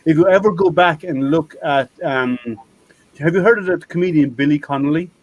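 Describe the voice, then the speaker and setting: A man's voice: a little high, a little fast, dry recording, dull audio. An Irish man hosting a casual group video call, chatting in a rambling way that keeps interrupting itself. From Ireland. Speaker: host.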